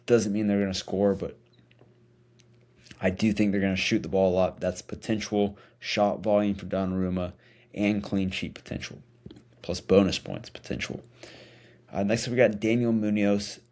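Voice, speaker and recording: A man's voice: on the low side, steady tone, moderate pace, darkish tone. A man hosting a casual solo fantasy football vlog, speaking informally with a retainer in his mouth, often hesitating and correcting himself. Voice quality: slightly impeded speech from wearing a dental retainer.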